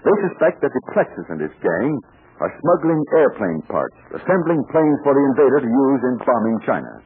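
A man's voice: mid-range voice, sing-song, brisk, breathy edge. A man announcing and narrating in an emphatic, eager old radio announcer style, on an old radio recording. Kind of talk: old-time radio announcing, sponsor pitch and scripted narration. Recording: tinny narrow-band old radio recording, noisy.

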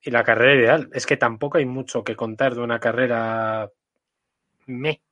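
Wry Spanish motorsport commentator, dry close sound. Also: male voice, mid-range voice, fairly even intonation, moderate pace, a bit bright, no room sound, dull audio. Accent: Spain Spanish. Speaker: panelist on a motorsport podcast.

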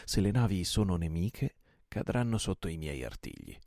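A man's voice: deep voice, wildly swooping pitch, normal speed, vocal fry, no echo, clean studio sound, full character voice. A man voicing a fierce pirate chief barking orders. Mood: proud. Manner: commanding, shouting orders.

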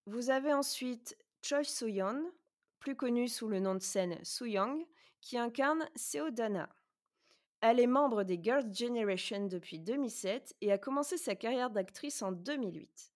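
A woman's voice: a little high, lively intonation, a little slow. A woman hosting a podcast, chatting casually with frequent hesitations and presenting prepared notes. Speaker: podcast host.

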